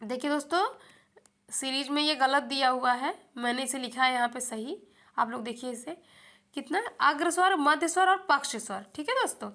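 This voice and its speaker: Young woman teacher, high clear bright voice, asks questions and answers them herself, exam prep. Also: moderate pace. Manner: repeats questions back to the viewer, calls them friends.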